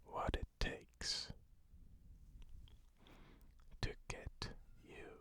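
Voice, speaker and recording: Slow whispered ASMR pep talk. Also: bright, forceful tone. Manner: whispering slowly, repeating short phrases. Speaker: ASMR host.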